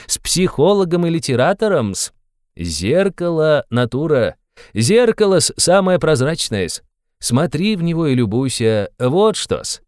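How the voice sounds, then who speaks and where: A man's voice: a little high, big pitch swings, unhurried, darkish tone, dry recording, clean studio sound, voice pushed up. A man voicing a sly, fussy middle-aged male investigator who talks in a wheedling, fawning way with sly asides. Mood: sly, needling.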